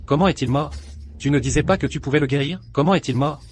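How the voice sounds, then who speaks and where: An actor dubbing an excitable, quick-tempered fish owner who talks loudly, over music. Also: male voice, a little high, natural voice. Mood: distraught. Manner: excitable, loud. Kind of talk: French dub of a drama. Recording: clear background music.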